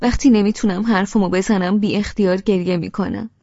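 A woman's voice: medium pitch, steady tone, warm tone, no room sound, long reverb tail, natural voice. A woman voicing a sensitive, stubborn young wife in an audiobook, hurt and pleading, in a dull lo-fi recording. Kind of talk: audiobook character reading.

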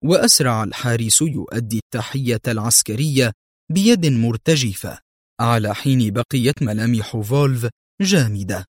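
A man giving measured, dramatic audiobook narration. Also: mid-range voice, expressive, no echo, clean studio sound.

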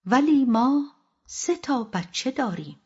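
A woman's voice: high-pitched, lively intonation, warm tone, husky, voice pushed up, full character voice. A woman reading the part of a troubled middle-aged husband who pleads in a shaky, tense voice, in a dull lo-fi audiobook recording.

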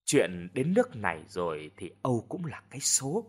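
A man voicing a worried older village mother who scolds softly and sighs, in a storybook reading. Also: medium pitch, huge pitch swings, moderate pace, husky. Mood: weary scolding. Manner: soft, sighing, scolding.

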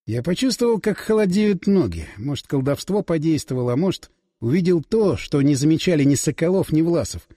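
A man narrating a first-person audiobook in a dramatic, expressive reading. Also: a little high, husky. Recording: dry close voice with long reverb.

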